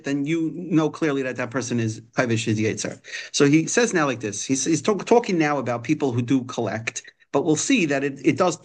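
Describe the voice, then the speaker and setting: Man teaching. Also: mid-range voice. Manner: hesitant, repeats and restarts phrases while explaining. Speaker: religious teacher. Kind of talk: informal religious text lesson, reading and explaining.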